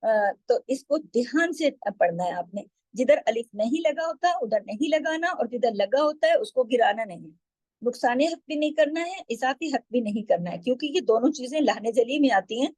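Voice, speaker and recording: A woman teaching tajweed, explaining patiently and drawing out syllables slowly when she demonstrates. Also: fairly high pitch, expressive, darkish tone, dry recording, poor audio. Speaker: Quran recitation teacher.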